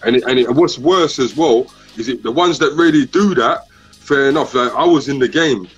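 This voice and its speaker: Husky London roadman, muffled livestream. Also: medium pitch, normal speed. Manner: London roadman slang and delivery. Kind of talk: casual slang-heavy roadman chat on a group livestream. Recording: muffled livestream audio with faint music.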